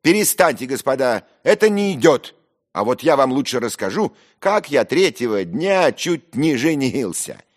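A man's voice: very deep voice, huge pitch swings, extremely slow, vocal fry, exaggerated voice. A man voicing a haughty, domineering young officer who talks down to others. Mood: commanding. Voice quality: condescending, loud.

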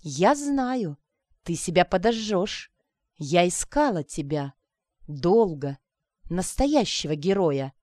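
Woman voicing young beauty, soft, ingratiating, coaxing, dry storybook reading. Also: on the low side, animated, takes it slowly, no echo.

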